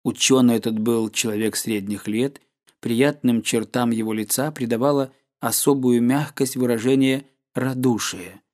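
A man narrating a classic novel as an audiobook, in a measured, even storytelling manner. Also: medium pitch. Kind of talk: scripted literary narration.

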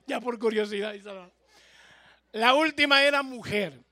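A man's voice: very high-pitched, slow pace, bright, forceful tone, no echo, a faint crowd. A male pastor preaching in a church, telling a humorous story and speaking directly to the congregation.

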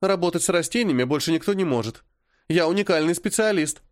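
A man's voice: animated, quick pace, close to an everyday voice. Man doing a tearful, whiny young woman. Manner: sobbing, plaintive, high.

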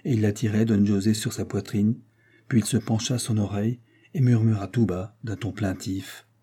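A man narrating a classic novel in a measured, dramatic storytelling manner. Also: lowish voice, fairly even intonation, dark tone, slightly rough. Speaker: audiobook narrator. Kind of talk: literary audiobook narration.

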